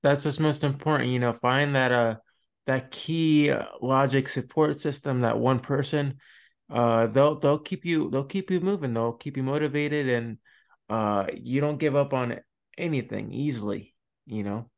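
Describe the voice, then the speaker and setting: A man's voice: mid-range voice, unhurried, gravelly. Supportive young male podcast host. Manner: supportive, short affirmations. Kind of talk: casual video-call interview. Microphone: headset over video call.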